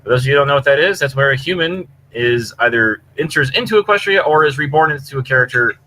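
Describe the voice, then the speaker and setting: Fast and full of lively intonation, a podcast co-host's medium-pitched voice sounds pushed and bright as he rambles enthusiastically through a casual review of stories. It's a rough recording from a computer mic over push-to-talk online voice chat, with audible background noise.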